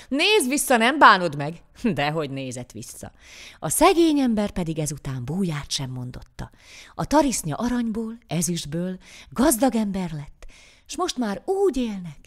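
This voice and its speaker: Animated woman reading a fairy tale. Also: on the low side. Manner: expressive, animated. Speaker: storyteller. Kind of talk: scripted fairy-tale narration.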